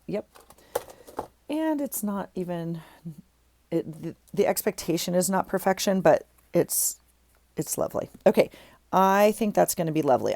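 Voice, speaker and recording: Warm and lowish, the voice belongs to a middle-aged craft vlogger whose nose is stuffy. She chats casually while crafting, thinking out loud, frequently saying um and starting over.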